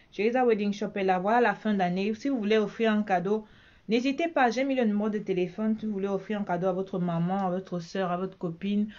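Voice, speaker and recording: A woman's voice: medium pitch, darkish tone, highs cut off. A woman from Cameroon with a Cameroonian French accent, chatting casually in a vlog as a bridal shop owner, repeating herself often.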